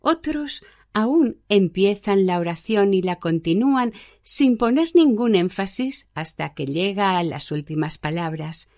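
A gentle, learned old monk explains prayer in a calm, measured voice , as a woman reads him aloud from a spiritual book. The pace stays slow and deliberate. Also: medium pitch. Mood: teaching. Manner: measured, unhurried reading.

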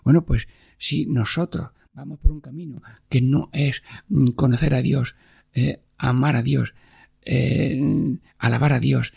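A man giving a devotional radio sermon and prayer, halting with pauses and fillers and often sinking to a hushed whisper, close to the microphone. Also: mid-range voice, vocal fry, breathy edge, no room sound. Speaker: radio preacher.

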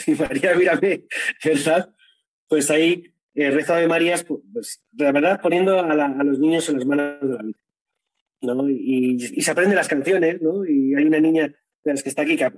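Man, husky, a bit high, earnest, interview testimony, tag questions. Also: poor audio. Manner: earnest, tags phrases with "¿no?".

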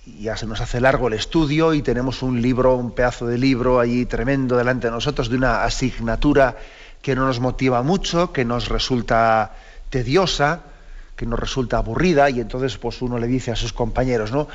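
A man gives a patient explanatory talk, reading a passage and then unpacking it. His voice sits at a medium pitch and keeps turning to his listeners with little tag questions. The recording is dull and lo-fi. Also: moderate pace. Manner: checks in with listeners through frequent tag questions. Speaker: presenter of a moral teaching program.

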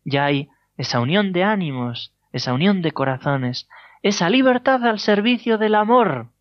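A man with a Spain Spanish accent preaching a sermon as a priest, telling stories with gentle humor and chuckles. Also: high voice, lively intonation, normal speed, no room sound. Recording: dull lo-fi dry sound.

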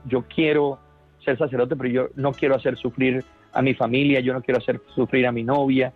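A Colombian man, a priest, tells his story over the radio in an earnest, fervent way, often stumbling and restarting. His voice sits at an ordinary middle pitch. The sound is dull and lo-fi, with soft music underneath. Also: slightly rough. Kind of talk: radio interview testimony.

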